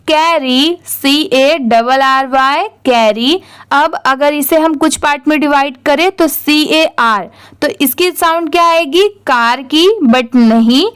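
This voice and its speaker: A woman teaching English reading, spelling words letter by letter and answering her own questions. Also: sits high. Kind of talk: slow spelling-out lesson.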